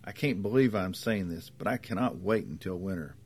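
A man voicing an irritable, sick young mother who complains and turns shrill when she shouts. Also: brisk, slightly rough. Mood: complaining.

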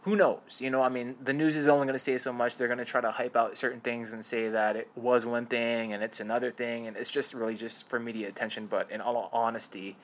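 A man's voice: mid-range voice, level tone, fairly quick, few pauses. A man co-hosting a podcast, explaining things in a casual sports chat. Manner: explanatory, lists concussion symptoms. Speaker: podcast co-host.

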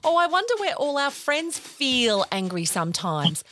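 High, animated woman hosting for children. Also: normal speed, a little hiss or hum. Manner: gushing, encouraging, sing-song kid-friendly delivery. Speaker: host of a children's podcast. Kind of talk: talking to young children, guided feelings exercise.

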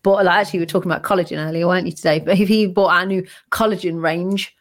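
A British woman with a croaky, froggy voice, chatting casually as a podcast co-host. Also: fairly low pitch, fairly even intonation, very fast.

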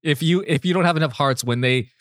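A man's voice: on the high side, fast, a bit bright, no room sound, clean studio sound. A man co-hosting a comedy podcast, riffing with absurd video-game gags. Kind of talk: comedic chat.

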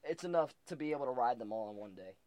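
A man's voice: medium pitch, quick pace. A young man chatting casually, swearing often and breaking into laughter as he tells stories. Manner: profane, laughs often, animated storytelling. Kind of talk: casual chat.

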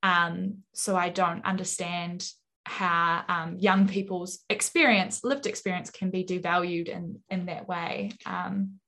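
A young woman, a podcast guest speaking in an articulate, measured way. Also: fairly low pitch, fairly even intonation, gravelly, pushed and bright. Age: young adult. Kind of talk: casual interview talk.

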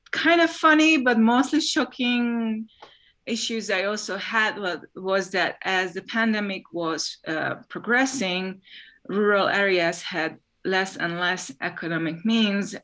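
A woman from Hungary, a science journalist, answering interview questions with lively storytelling. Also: fairly low pitch. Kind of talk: interview guest.

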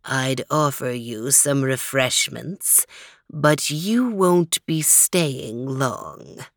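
A woman's voice: extremely low pitch, dry recording, clean studio sound, pitched below the performer's own voice, exaggerated voice. A woman voicing a purring villainous cat mastermind. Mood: gloating villainy. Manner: purring, gloating, slow and menacing. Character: sly evil male cat criminal mastermind.

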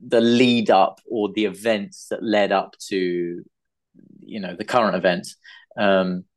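Brief: male podcast guest, low voice, eager, halting, lots of ums and likes. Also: level tone. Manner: enthusiastic, hesitant, many fillers. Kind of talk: casual chat.

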